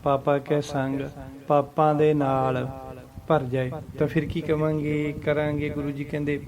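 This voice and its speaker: Male scripture teacher, fairly high even voice, patient and repetitive, crowd murmur behind. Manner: patient, repeats verses slowly to model pronunciation. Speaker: Gurbani teacher. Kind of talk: explaining scripture pronunciation and meaning.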